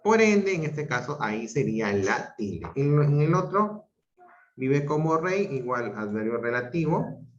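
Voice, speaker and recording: Male teacher over a dull, echoey call line, unhurried, explains each step and checks understanding. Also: fairly high pitch, very animated. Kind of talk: online grammar lesson. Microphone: video call. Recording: muffled roomy video-call audio.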